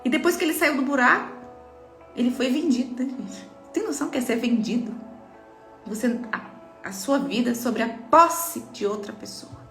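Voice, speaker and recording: A woman's high-pitched, slightly bright voice moves at a moderate pace as she, a mentor with a Brazilian Portuguese accent, speaks directly to listeners in an earnest, emphatic inspirational faith talk. The recording carries room echo and faint music.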